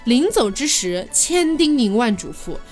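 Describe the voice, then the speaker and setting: A woman casually retelling a classic ghost tale as a co-host, chatty and expressive. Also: a little high, a little slow, faint music behind. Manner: chatty, expressive, laughs often. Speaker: storytelling co-host.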